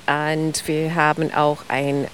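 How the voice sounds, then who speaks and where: A woman's voice: deep voice, level tone, takes it slowly. Woman guest, non-native German with grammar slips, eager and detailed explainer, faint noise behind. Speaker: guest ice cream expert. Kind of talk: explaining in an interview.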